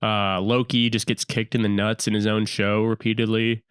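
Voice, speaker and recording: A man's voice: lowish voice, flat delivery, normal speed, clean tone, dry recording, studio quality. A man around thirty chatting casually as a podcast guest, laid-back and full of slang. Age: 30s. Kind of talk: casual chat.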